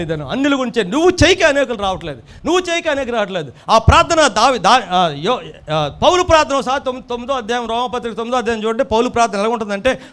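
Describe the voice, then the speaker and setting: A man preaching a sermon to a congregation, rising into loud emphatic swells and repeating key phrases. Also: extremely high pitch. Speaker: pastor.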